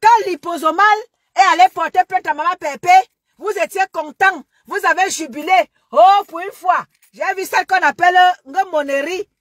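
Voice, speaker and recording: A woman's voice: very high-pitched, moderate pace, a bit bright, dry recording, clean studio sound. A Cameroonian woman with a Cameroonian French accent, delivering a scolding monologue to her online followers and repeating her warnings again and again. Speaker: social media commentator.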